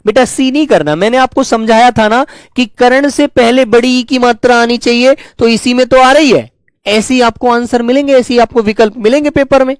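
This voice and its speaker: A man's voice: very high-pitched, fairly even intonation, moderate pace, clear, resonant tone, dry recording. Coaxing male Hindi teacher, dry close sound. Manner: coaxing, repetitive teacherly address to students. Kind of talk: online Hindi spelling lesson.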